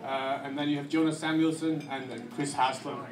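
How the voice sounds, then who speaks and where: A man in his thirties from Iceland with an Icelandic accent, giving a relaxed, conversational slide talk on a handheld mic with many fillers. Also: mid-range voice, a little fast, a little hiss or hum. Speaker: guest presenter. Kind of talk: slide presentation to an audience. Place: dim restaurant event room. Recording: echoey room.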